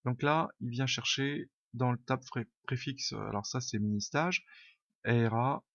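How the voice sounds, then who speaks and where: This programming tutor's voice is medium in pitch, gravelly and fairly bright, and he speaks a little slowly. He improvises a screen-recorded coding tutorial from a room at home, thinking aloud with plenty of fillers and a casual, self-deprecating tone. A dull lo-fi home mic leaves the sound dry, with no room sound.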